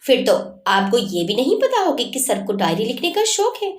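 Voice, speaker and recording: A woman's voice: a little high, wildly swooping pitch, normal speed. A woman voicing a loyal, talkative male household servant. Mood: helpful. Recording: roomy echo.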